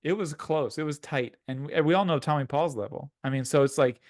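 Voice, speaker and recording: A man's voice: fairly high pitch, fairly quick, dry recording, clean studio sound. A man co-hosting a podcast, chatting casually and rambling with many restarts and filler words. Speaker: podcast co-host. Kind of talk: casual chat.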